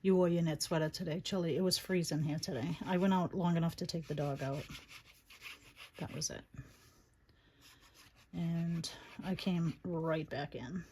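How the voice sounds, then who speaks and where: A woman from Massachusetts with a Boston accent crafts on a livestream, chatting casually to viewers and to herself in a fairly low, darkish voice with fairly even intonation, normal speed and long pauses. Noticeable background noise includes clicks and rubbing.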